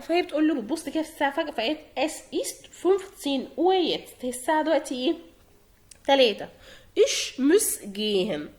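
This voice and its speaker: A woman with an Egyptian Arabic accent teaching German online, explaining word by word, translating and repeating. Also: high-pitched. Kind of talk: online language lesson.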